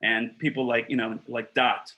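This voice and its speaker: An earnest, blunt man in his thirties makes his case over a webcam call from a small room. His voice sits mid-range with a flat, even pitch line. He restarts phrases and leans on "um" and "uh" between points. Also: normal speed, low-quality recording. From Costa Rica. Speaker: block producer candidate. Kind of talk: election pitch on a video call. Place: small room with wooden shelves, indoors. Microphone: webcam on a video call.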